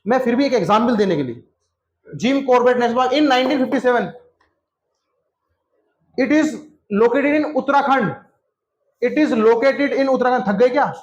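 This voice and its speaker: A man's voice: extremely high pitch, a little slow, pauses often, highs cut off. A man teaching a classroom lesson, repeating answers over and over and quizzing students by name. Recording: echoey classroom.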